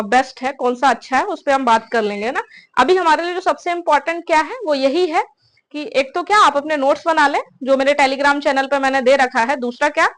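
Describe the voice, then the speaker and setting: High-pitched young woman mentoring exam aspirants, chatty, keeps checking in. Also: a bit bright. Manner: conversational, repeats tag questions, addresses listeners as brother. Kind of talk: casual advice talk to students.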